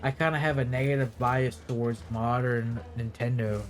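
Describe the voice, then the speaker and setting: A man's voice: mid-range voice, steady tone, moderate pace. A young man in his twenties with hiccups, giving rambling, profane, casual commentary over his gameplay, full of fillers. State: has hiccups. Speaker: gaming video creator.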